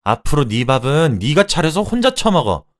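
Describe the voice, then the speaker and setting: A man voicing an angry young wife who scolds and shouts, in a radio drama reading. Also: mid-range voice, big pitch swings, fast, close to an everyday voice. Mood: sarcastic. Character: fed-up young wife, fierce and sharp-tongued.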